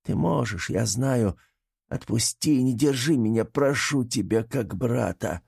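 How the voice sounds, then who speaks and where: A man voicing a young male mage who pleads slowly and sounds unsure, in an audiobook reading. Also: mid-range voice, gravelly, darkish tone, husky, no room sound, studio quality. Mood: pleading. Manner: pleading, slow.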